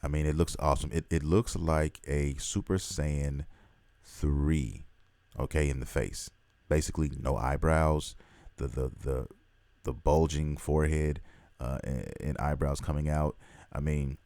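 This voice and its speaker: Very deep-voiced man, excited rambling. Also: no room sound. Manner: excited, rambling, swears freely. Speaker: host. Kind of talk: casual vlog commentary.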